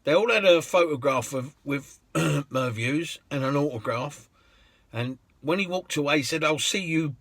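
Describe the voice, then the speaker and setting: A chatty cab driver spins anecdotes, with a husky, bright voice pitched slightly high. He laughs often and hesitates with plenty of ums. The sound is dry and close. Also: dry recording. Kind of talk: anecdotal storytelling.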